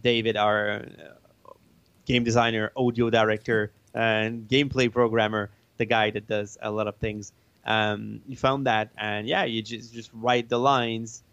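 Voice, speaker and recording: A man speaking casually as an interviewed game developer, halting and often searching for words. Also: on the low side, level tone, a bit bright. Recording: roomy, band-limited dull sound.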